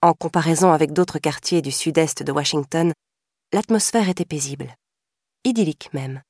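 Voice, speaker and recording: A woman reading a crime novel aloud in a measured, scripted narration. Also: low voice, darkish tone, dry recording, studio quality. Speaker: audiobook narrator.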